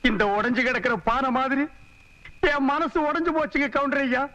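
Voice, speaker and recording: An actor playing a loyal, self-pitying servant in a film comedy, pleading. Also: male voice, very high-pitched, brisk, pushed and bright. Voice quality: whining, pleading. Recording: dull lo-fi film audio.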